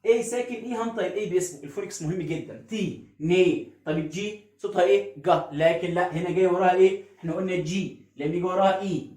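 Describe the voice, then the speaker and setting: High-voiced Egyptian man teaching phonics. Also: a little mellow, reverberant. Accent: Egyptian Arabic. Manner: repeats words slowly with drawn-out stress; asks and answers his own questions. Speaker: English teacher. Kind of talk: phonics lesson explaining pronunciation.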